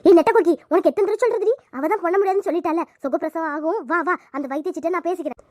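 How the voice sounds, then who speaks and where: A woman's voice: extremely high pitch, very fast, a little mellow, dry recording, studio quality. A woman doing a bossy village mother-in-law. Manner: commanding, scolding.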